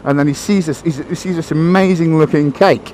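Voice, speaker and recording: Biker rambling into his helmet mic, slightly high voice, faint road noise. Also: steady tone, fairly quick, a little mellow, low-quality recording. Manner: waffly, self-deprecating, many fillers. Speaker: motorcycle vlogger. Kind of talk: casual rambling chat. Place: riding a motorbike outdoors.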